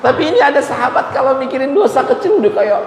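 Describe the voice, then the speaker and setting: Chuckling preacher in echoey hall. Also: male voice, very high-pitched, sing-song, fast, a faint crowd. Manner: casual Jakarta slang, chuckling often. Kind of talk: storytelling sermon. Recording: echoey hall recording with faint room noise.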